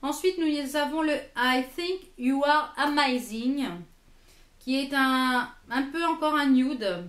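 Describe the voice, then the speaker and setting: Her high, slow, somewhat bright voice carries a roomy sound. She's a French beauty vlogger doing a lipstick product review on her vlog, hesitant and repeating words among many fillers.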